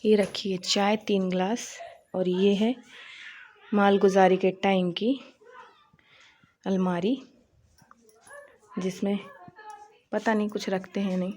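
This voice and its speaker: Slow-talking woman vlogging at home. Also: medium pitch, flat delivery, a little mellow, slight background noise. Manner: slow, homely, chatty walkthrough. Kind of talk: casual home vlog narration. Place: home indoors.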